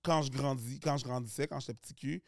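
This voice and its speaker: A man with a Québécois French accent talks in a loose, animated podcast chat, drifting into English accents as he explains himself. His pitch sits in an ordinary middle range. The studio mic is close and dry. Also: quick pace, vocal fry, no room sound. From Quebec. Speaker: comedian guest.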